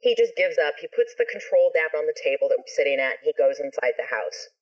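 Animated woman telling a story, lo-fi. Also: low voice, fast talker. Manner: animated, expressive, swears freely. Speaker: singer and guest. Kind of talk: casual storytelling in a podcast interview.

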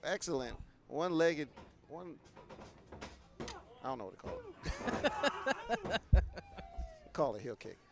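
A man calling live wrestling play-by-play, rattling off moves and bursting loud on the big spots. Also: fairly high pitch, big pitch swings, slow pace, creaky, pauses often.

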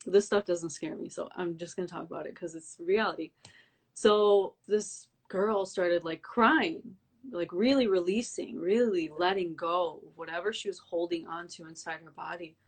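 Young woman, a bit low-pitched, chatty interview guest, lots of "like", acts out what she was thinking. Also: breathy edge. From Albanian heritage. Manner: animated storytelling, many "like"s, acts out her own thoughts. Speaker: breathwork coach, guest. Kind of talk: casual interview conversation.

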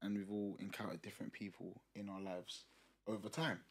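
This young man speaks with a London roadman accent full of urban slang, his husky voice sitting on the low side with little pitch movement and a slightly fast pace. He chats casually, telling anecdotes in a teasing, slangy way.

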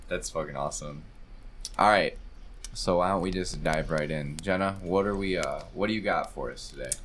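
A man's voice: sits low, moderate pace, a bit bright, slight background noise. A young man from Michigan co-hosting a podcast, joking and swearing in casual chat. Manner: swearing, joking, laid-back. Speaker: podcast co-host.

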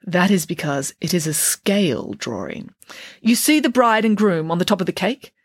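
A woman's voice: lowish voice, big pitch swings, normal speed, slightly rough, dry recording, heavily acted. A woman voicing a bossy, shrewd, cake-loving nanny who talks in a grand, boastful way.

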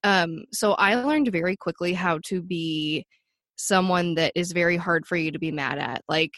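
A woman's voice: on the low side, a bit bright, no echo, clean studio sound. Polite, chatty woman guest. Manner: polite, measured, chatty with many likes. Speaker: podcast guest. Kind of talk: casual chat.

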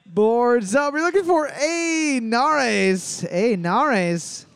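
This trivia host's voice is extremely high, gravelly, clear, and resonant, captured as clean studio sound without echo. Animated at a live trivia night, he reads questions, spells answer choices slowly letter by letter, and cracks jokes between rounds.

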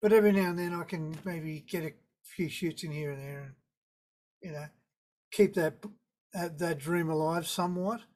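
A man's voice: a little high, moderate pace, darkish tone. A middle-aged or older man with a Tasmanian Australian accent, chatting casually as an interview guest in a laid-back, slangy, wry way. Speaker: guest, surf photographer.

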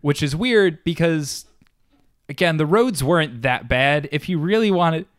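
A man chatting casually about a movie, sarcastic and animated, often acting out lines in silly voices. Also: on the high side, unhurried, no echo, studio quality.

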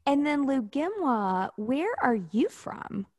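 A woman's voice: high voice, big pitch swings, slow, darkish tone, no echo, studio quality. A woman hosting a business podcast, upbeat and bubbly, chatting casually and laughing often with her guest. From US South. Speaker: podcast host. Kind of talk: casual interview chat.

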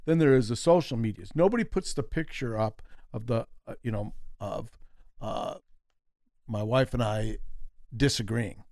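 A man's voice: mid-range voice, moderate pace, darkish tone, no room sound, studio quality. Rambling man co-hosting a podcast. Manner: rambling, restarts his sentences. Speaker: podcast co-host. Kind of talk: casual podcast chat.

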